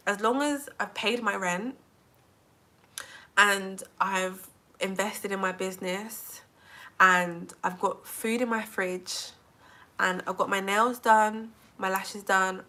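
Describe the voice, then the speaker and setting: Young woman from England, bright tone, rambling live-stream vlogger who says "like" a lot. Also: medium pitch, slow. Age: 20s. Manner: chatty, says "like" constantly, animated. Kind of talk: casual live-stream chat.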